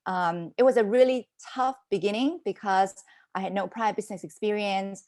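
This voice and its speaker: Medium in pitch and normal in speed, the voice belongs to a business mentor in her forties with roots in Hong Kong and Canada. As a podcast guest she tells her life story lively and conversationally, casual interview storytelling.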